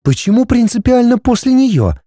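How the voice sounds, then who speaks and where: A man voicing a sharp-tongued young woman from the modern world, speaking high and exclaiming. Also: big pitch swings, normal speed, no room sound, studio quality, full character voice. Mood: demanding.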